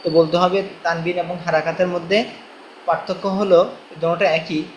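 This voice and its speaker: A man's voice: high voice, level tone, moderate pace, slight background noise. A male teacher giving a recorded reading lesson, patiently chanting letter drills line by line. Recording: echoey room, faint ambience.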